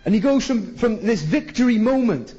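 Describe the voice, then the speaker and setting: A man's voice: very high voice, expressive, normal speed, mellow, breathy edge, lo-fi sound. A man with a Welsh Valleys accent preaching a colloquial sermon, putting rhetorical questions to his listeners. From South Wales valleys.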